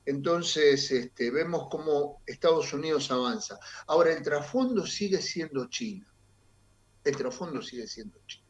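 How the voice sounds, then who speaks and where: A man, a political analyst giving measured, emphatic commentary in an interview and often pausing on fillers. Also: on the high side, animated, highs cut off.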